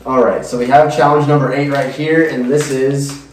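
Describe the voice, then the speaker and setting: A man's voice: mid-range voice, little pitch movement, normal speed, a little hiss or hum. A young man casually presenting to camera as the host of a food challenge show. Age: young adult. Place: small indoor room, seated at table. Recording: echoey room, distant microphone.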